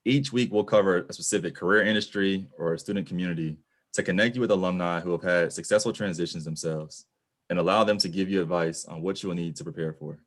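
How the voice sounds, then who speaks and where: Male webinar host, very low voice, quick delivery, upbeat. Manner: upbeat, scripted opening. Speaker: host, program director. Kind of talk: webinar hosting.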